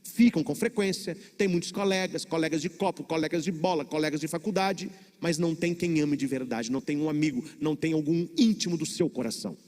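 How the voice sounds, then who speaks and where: High-voiced Brazilian priest preaching in a church. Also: male voice, darkish tone, big-room sound. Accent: Brazilian Portuguese. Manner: preaching with dramatic pauses and repetition. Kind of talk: sermon.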